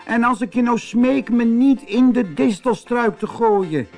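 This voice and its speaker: A man voicing a cheeky, boastful young male rabbit trickster in a storybook, squeaky and bossy. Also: a little slow, darkish tone, soft background music. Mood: mock pleading. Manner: squeaky, bossy and pleading by turns.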